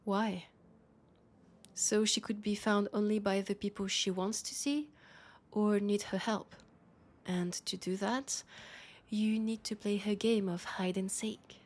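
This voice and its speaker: A woman with a French accent voices a weary policewoman in an intimate sci-fi audio roleplay, confiding quietly, hesitantly and with her guard up. The tone is serious and resigned, her mid-range voice level and slow.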